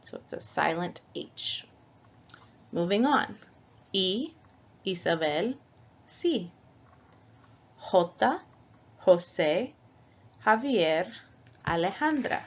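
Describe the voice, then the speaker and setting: A woman talks slowly and patiently, walking a class through each letter one by one. Her voice sits a little low for a woman. The recording is dull and lo-fi. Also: very animated. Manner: patient, methodical, spells out each example. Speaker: Spanish teacher. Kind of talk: slow, careful language lesson.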